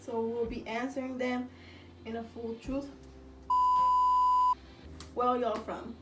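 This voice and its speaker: A slow, slightly high woman's voice with little pitch movement belongs to an eighteen-year-old from El Salvador who moved to the United States as a child. She co-hosts a casual Q&A vlog, chatting in a slangy, candid way. The recording sounds roomy, with a distant mic and music playing behind her.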